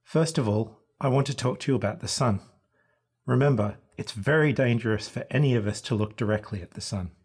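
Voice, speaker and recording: A man's voice: mid-range voice, brisk, a little mellow, breathy edge. A man speaking as an astronomer and guest guide, giving a scripted, explanatory planetarium narration.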